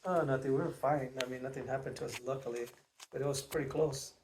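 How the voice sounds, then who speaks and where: A man's voice: mid-range voice, quick pace. Middle-aged man telling family stories. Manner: relaxed storytelling with chuckles. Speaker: interviewee, father. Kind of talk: casual family interview. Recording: faint background noise with clicks.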